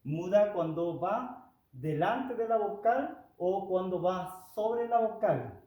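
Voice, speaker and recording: A man, a native Korean speaker, teaching a language lesson slowly and deliberately, pausing and hesitating often. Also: sits high, expressive, lo-fi sound. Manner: slow, deliberate, with many pauses and hesitations. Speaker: Korean language and taekwondo instructor. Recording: roomy echo, voice from far off.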